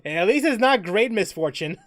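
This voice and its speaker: A gaming livestreamer with a mid-range voice talks at a normal speed, recorded dry with clean studio sound. Animated and joking, he chats casually, swears mildly, reads chat aloud and comments on the play. Background music runs underneath.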